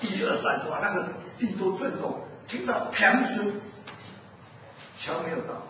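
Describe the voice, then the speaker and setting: A man's voice: sits high, animated, normal speed. A male pastor preaching a sermon, asking his listeners questions and acting out an animal fable. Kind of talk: sermon with storytelling. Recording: distant echoey hall, muffled, noisy.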